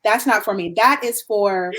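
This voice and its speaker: A woman from Guyana is a guest in a casual podcast conversation, speaking animatedly at a medium pitch and normal speed. She repeats herself for emphasis and laughs often, with background noise in the recording.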